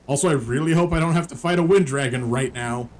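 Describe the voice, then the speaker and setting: A man's voice: medium pitch, fast, darkish tone. A man hosting a game playthrough with casual commentary and wry, joking asides. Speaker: gaming video host.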